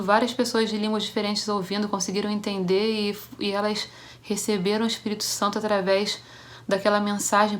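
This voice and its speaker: A young woman from Brazil giving a church devotional as a personal testimony, telling her story with halting restarts and acting out the voices of people in it. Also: medium pitch.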